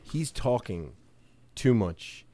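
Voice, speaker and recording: A man's voice: medium pitch, big pitch swings, slow pace, warm tone. A man hosting a podcast in casual chat, rambling and self-deprecating, prone to tangents. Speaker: podcast host.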